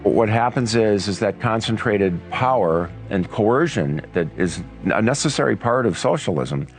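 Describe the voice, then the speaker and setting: Deep voiced guy explaining slow and careful, music clearly behind. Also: animated. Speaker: interviewee, commentator. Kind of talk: interview explanation.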